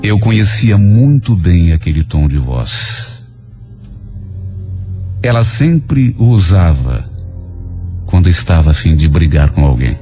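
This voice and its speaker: A man narrating a dramatic first-person story for radio in an expressive storytelling voice. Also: low voice, slow, pauses often. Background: soft music.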